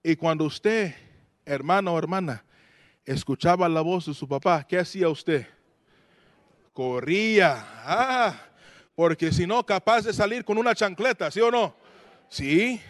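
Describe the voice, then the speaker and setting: A man's voice: high-pitched, lively intonation, a little slow, long pauses, no room sound. A man preaching a sermon to his congregation, telling stories animatedly, acting out voices and dropping English phrases into his talk.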